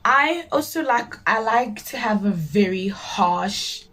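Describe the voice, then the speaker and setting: A nineteen-year-old beauty vlogger chats casually with viewers while doing her makeup, answering their questions. Her medium-pitched voice is expressive, slow and a bit bright, and she's blunt and emphatic, often repeating herself for emphasis.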